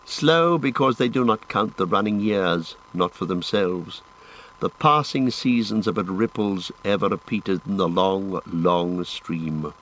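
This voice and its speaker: A man's voice: low voice, a little slow, a bit bright, a little hiss or hum, poor audio. A man voicing a graceful, ageless male elf with a lilting, solemn and lofty way of speaking, raising his voice for the part. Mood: wistful.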